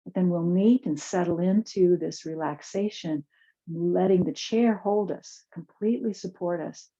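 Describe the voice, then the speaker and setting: A woman teaching chair yoga, guiding movement and relaxation in a soft, soothing, unhurried way with pauses. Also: lowish voice, highs cut off. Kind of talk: guided yoga class and relaxation.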